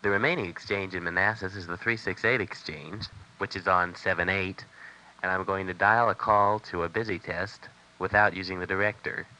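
A man's voice: sits low, fairly even intonation, moderate pace, bright, forceful tone. A man on an old 1970s tape recording, methodically narrating a telephone call demonstration and reading out the digits step by step.

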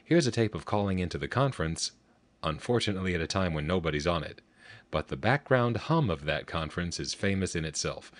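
A man's voice: deep voice, expressive, fairly quick, no room sound. A man giving precise, technical explanatory narration as he introduces archival recordings. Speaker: narrator of telephone history recordings.

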